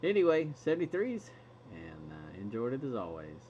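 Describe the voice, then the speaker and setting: A man's voice: mid-range voice, wildly swooping pitch, moderate pace. Chatty man with a muffled, lo-fi sound. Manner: chatty, laughs often between stories. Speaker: radio hobbyist hosting a video stream. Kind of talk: casual chat. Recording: muffled lo-fi recording, faint hiss.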